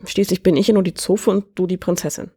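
A woman voicing a cheeky, playful young maid in a storybook reading, with a lively manner. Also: lowish voice, fast talker, breathy edge, dry recording, clean studio sound. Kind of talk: storybook character voice.

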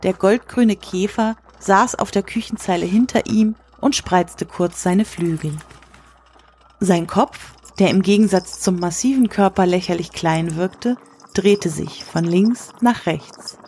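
A woman reading a story aloud in a measured storytelling manner. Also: mid-range voice, darkish tone, slightly rough. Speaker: narrator. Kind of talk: scripted narration.

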